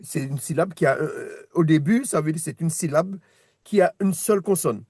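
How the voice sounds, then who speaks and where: A man's voice: a little high, normal speed, a little mellow, husky, dry recording, clean studio sound. A man teaching a one-on-one reading lesson, patient, repeating words and restarting his sentences as he explains. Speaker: Hebrew teacher.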